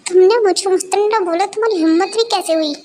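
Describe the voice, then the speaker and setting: Brief: woman voicing a gruff, unsmiling older brother, very high voice, fan audio drama. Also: fast, darkish tone, slight background noise. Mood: indignant. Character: stern unsmiling older brother, young man. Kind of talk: fan-dubbed romance audio story.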